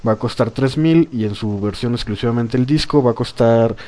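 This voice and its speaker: A man hosting a podcast, chatting casually about games, animated and laughing often, with plenty of fillers. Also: mid-range voice, a little fast. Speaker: podcast host. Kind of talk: casual gaming chat.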